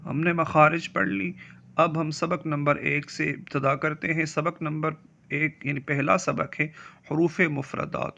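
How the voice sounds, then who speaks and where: A man teaching Quran reading, explaining where each letter is made and reciting the letters slowly and carefully. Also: fairly high pitch, creaky, pushed and bright. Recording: dull lo-fi recording.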